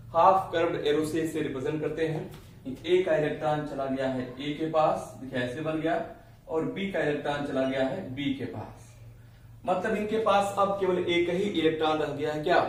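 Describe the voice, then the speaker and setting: Man, chemistry teacher, lecture, high-ish voice, distant mic, very echoey room. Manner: explains with everyday analogies, often checks in with students. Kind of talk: classroom lecture.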